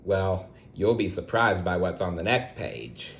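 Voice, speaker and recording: A man with a low, unhurried voice reads a children's story aloud as the storyteller. He's expressive and drops in conversational asides to the listener.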